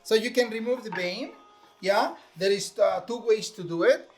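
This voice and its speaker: A Venezuelan chef with a Venezuelan Spanish accent and a high voice explains a recipe step by step in English at normal speed. It's a casual cooking demonstration, full of fillers.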